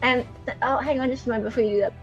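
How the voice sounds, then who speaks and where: An Australian woman hosts a casual livestream, delivering dramatic readings and commentary with sarcasm and banter. Her fairly high voice is steady in tone and very fast. The audio is dull and lo-fi, with music in the background.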